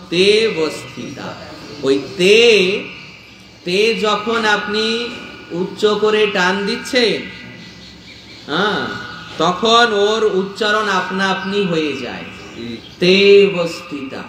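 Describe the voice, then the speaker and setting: A man's voice: a little high, bright, forceful tone, a little hiss or hum. A man teaching a scripture class, explaining patiently, repeating key points and checking that his listeners understand. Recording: echoey room with faint ambience.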